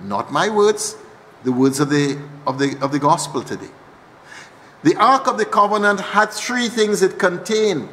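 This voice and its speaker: Trinidadian male preacher, slightly high voice, teaching sermon that repeats key lines, long church reverb. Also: animated, measured pace, pushed and bright. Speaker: archbishop preaching.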